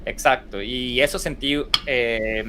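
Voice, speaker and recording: A man's voice: mid-range voice, steady tone, slow, bright, forceful tone, a little hiss or hum. A young man with an Ecuadorian accent, telling stories casually as a podcast guest and rambling through restarts and fillers. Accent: Ecuadorian Spanish. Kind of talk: casual storytelling in conversation.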